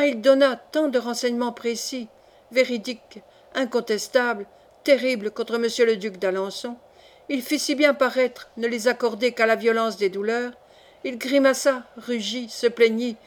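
Lady reading an old novel aloud, expressive, kinda high voice. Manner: measured, expressive storytelling. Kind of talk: audiobook narration of a classic novel.

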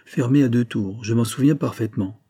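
Gentle worried wife, read by a man. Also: mid-range voice, fairly quick, lightly acted. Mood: earnest. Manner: soothing, pleading. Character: gentle worried wife soothing her ill husband.

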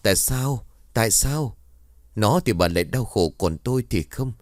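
A man's voice: unhurried, a little mellow, dry recording, studio quality, close to an everyday voice. A man voicing a small vengeful ghost girl in a spoken horror story, in a raised voice. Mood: accusing. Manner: pleading then accusing, higher voice.

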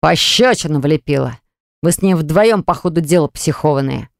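An audiobook narrator voicing a smug, scornful man who gloats and yells when pinned down, in a smooth voice. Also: medium pitch, animated, moderate pace, no room sound, studio quality. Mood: sneering.

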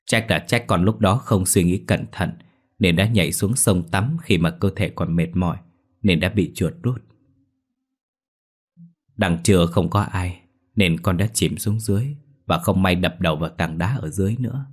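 A man's voice: low-pitched, normal speed. A man voicing the tearful ghost of a drowned young man, speaking through a medium in a ghost story. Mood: sorrowful. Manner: tearful, pleading.

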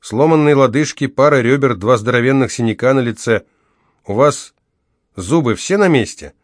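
A man's voice: mid-range voice, animated, moderate pace, dry recording, clean studio sound, close to an everyday voice. A man voicing a blunt, matter-of-fact police officer in an audiobook. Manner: blunt, factual.

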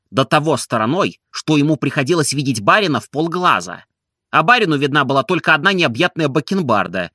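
A man narrating a classic novel in an expressive, measured audiobook reading. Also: mid-range voice, no echo, clean studio sound.

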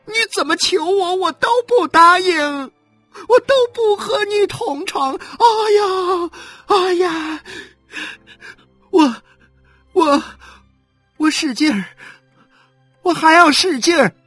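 A woman's voice: on the high side, very animated, slow, fairly bright tone, husky, dry recording, soft background music, voice pushed up, full character voice. A woman voicing a young wife in agonizing labor who sobs, wails and screams curses at her husband in an audiobook. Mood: screaming curses. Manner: wailing, sobbing, screaming curses.

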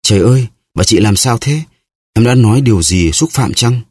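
A man voicing a frightened, trusting young woman in an audiobook, with a husky voice and an earnest pleading tone. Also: sits low, animated, brisk, dark tone, dry recording, clean studio sound. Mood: alarmed. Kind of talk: audiobook character reading.

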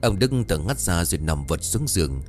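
A man narrating a horror story in an expressive, dramatic storytelling manner. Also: low voice, moderate pace, faint music behind.

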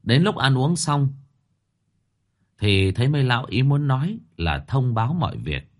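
A man's voice: medium pitch, sing-song, moderate pace. A man narrating a ghost story in a colloquial, wry storytelling manner.

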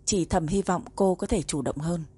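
A woman narrating a romance novel in a calm, even storytelling voice. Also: lowish voice, moderate pace, husky, dry recording. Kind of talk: audiobook narration.

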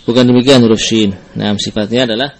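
A man's voice: mid-range voice, fairly even intonation, fast talker, a little hiss or hum. A man teaching Quran recitation who explains each sound and drills it over and over, mixing in Arabic terms. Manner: patient, demonstrates letter sounds over and over. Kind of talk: tajwid lesson with drills.

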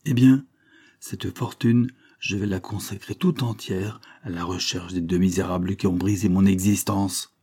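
A man reading the part of a cold, vengeful middle-aged doctor who speaks with calm, implacable menace. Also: low-pitched, normal speed, breathy edge. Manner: calm, implacable, solemn threats.

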